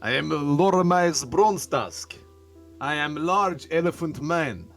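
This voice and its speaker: A man's voice: on the low side, steady tone, moderate pace, a bit bright, faint music behind, natural voice. A man voicing a large, stern male elephant-man warrior in broken English with a put-on accent. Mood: gruff boastful.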